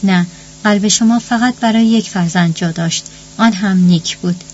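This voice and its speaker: A hurt grown daughter pleads and reproaches, as a woman narrator reads her part. It is an audiobook reading at an average pitch. The sound is slightly dull, with a faint hum underneath. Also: a little mellow, lightly acted. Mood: pleading. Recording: muffled recording with faint hum.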